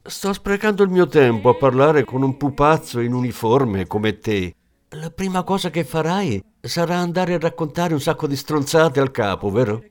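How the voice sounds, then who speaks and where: Brief: male reader doing a contemptuous hard-boiled cop, cutting, pitched up. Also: lively intonation, moderate pace, close to an everyday voice. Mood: scornful. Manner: scornful, cutting.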